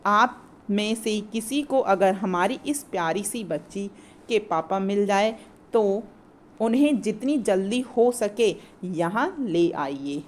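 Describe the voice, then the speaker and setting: A woman's voice: medium pitch, expressive, takes it slowly, a little hiss or hum. A woman reading the part of a kindly old letter box uncle from a children's play, in a plain reading voice. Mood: caring. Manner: read aloud plainly from the play.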